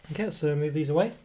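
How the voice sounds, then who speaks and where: At an indoor table, a man with a cold gives a casual review of a snack as a food reviewer, his voice coming and going. His mellow voice sits on the high side, and his talk rambles with hesitations, many fillers and self-corrections. Slight background noise shows up on the table camera mic.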